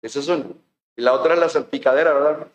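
A man's voice: fairly high pitch, fast talker, roomy sound, a little hiss or hum, low-quality recording. A man with a Mexican accent preaching a sermon as a pastor, folksy and conversational, full of rhetorical questions. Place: church.

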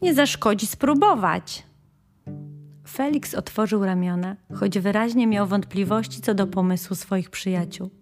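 A woman narrating a children's story in a gentle, clear storytelling manner. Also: mid-range voice, fairly even intonation, normal speed, hardly any pauses, soft background music. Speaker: audiobook narrator.

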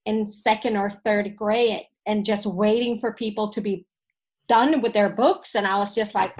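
Speaking at normal speed with a medium pitch and steady tone, a woman from Sweden whose native language is Finnish shares life stories as a podcast guest. The casual chat is reflective and full of fillers.

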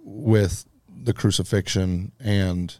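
A man with a lowish voice hosts a relaxed, joking conversation. He thinks aloud with a few fillers. The sound is dry and close. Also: slow pace, no room sound. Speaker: podcast host. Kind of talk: casual chat.

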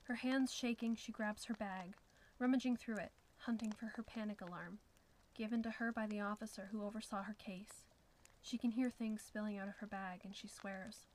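Casual: lady reading a scary story, whispery and hushed, mid-pitched voice, faint hiss in the background. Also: steady tone, moderate pace, rough recording. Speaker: narrator. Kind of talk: scripted horror story narration.

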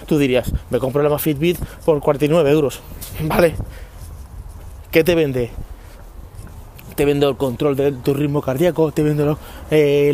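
Man host from Spain, casual rambling monologue, slightly high voice, talking from a parked car. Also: a little mellow, a little hiss or hum. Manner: rambling, frequent restarts and swearing. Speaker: podcast host. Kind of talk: casual chat.

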